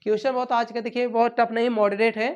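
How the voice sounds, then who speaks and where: A woman with a slightly high voice leads an exam-prep lesson. She questions her students and repeats each answer back as a drill, her phrases trailing off quietly at the ends. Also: little pitch movement, fast talker, lo-fi sound. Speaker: Hindi teacher.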